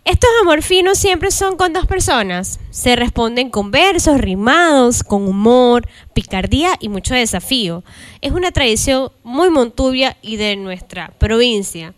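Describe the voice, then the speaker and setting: A woman's voice: a little high, lively intonation, unhurried. A woman from the coast hosting a casual presentation, chatty and full of tag questions. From Los Ríos, Ecuador. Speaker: host.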